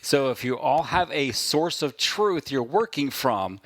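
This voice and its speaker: A man talking shop as a podcast guest, wry and quick, often checking in with "right?". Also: medium pitch, lively intonation, a bit bright, dry recording, clean studio sound. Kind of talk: casual conversation.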